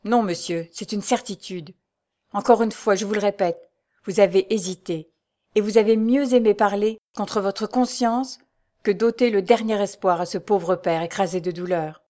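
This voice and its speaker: A woman's voice: medium pitch, moderate pace, mellow, lightly acted. A woman reading the part of a young nobleman, ardent and pleading, pressing with urgent questions.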